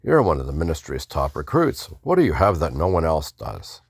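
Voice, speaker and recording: Low gravelly man gaming. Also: wildly swooping pitch, brisk, no room sound. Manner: mumbly, offhand, with restarts and asides. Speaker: gamer doing a playthrough. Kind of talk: casual gameplay commentary.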